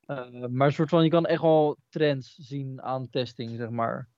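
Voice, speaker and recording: A man's voice: mid-range voice, steady tone, a little slow, a little mellow, dry recording, dull audio. A man chatting casually on a podcast over a remote call, rambling and swearing freely. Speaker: podcast co-host. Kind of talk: casual chat. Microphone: remote call with a weak connection.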